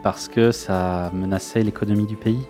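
A man co-hosting a radio show, reading role-playing game news in a relaxed, joking chat with fillers. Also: fairly low pitch, normal speed. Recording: radio studio with faint music behind.

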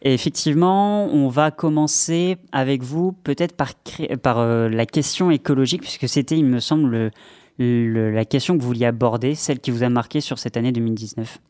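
Man hosting a radio show, measured intros, dry studio sound. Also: medium pitch, a little mellow, no echo. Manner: measured introductions with some fillers. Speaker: radio host.

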